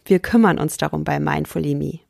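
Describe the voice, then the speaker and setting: A woman life coach giving an earnest, emphatic motivational course pitch. She slows down and sometimes drops to a whisper to stress a point. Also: creaky, darkish tone, no room sound, clean studio sound.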